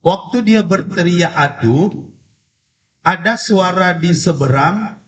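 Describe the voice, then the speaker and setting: A male preacher with a cold giving a religious lecture with a story, speaking slowly and deliberately, heard through a distant, echoey, dull PA sound. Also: medium pitch. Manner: slow, deliberate delivery. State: has a cold. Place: community religious event.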